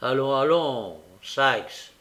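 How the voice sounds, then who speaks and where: A man reading an audiobook, voicing a sly old male fence who coaxes and stammers to calm others. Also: a little high, slow, vocal fry, full character voice. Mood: placating. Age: older. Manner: stammering, coaxing, placating. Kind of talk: audiobook character voice.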